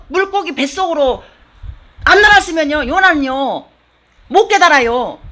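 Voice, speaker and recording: A woman pastor preaching a sermon in a church, telling the story in an animated, colloquial way with sound effects. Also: sits high.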